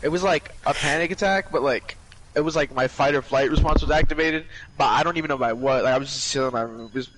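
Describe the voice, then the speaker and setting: A man's voice: on the high side, fast. A young man on a call with a friend, rambling loosely, swearing a lot and laughing often. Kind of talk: casual chat. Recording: noisy call audio.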